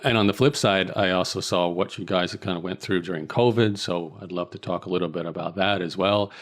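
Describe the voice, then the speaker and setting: Deep-voiced Australian-born male host. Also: steady tone, a little fast. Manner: chatty, rambling with restarts and laughs. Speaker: podcast host. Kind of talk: casual interview chat.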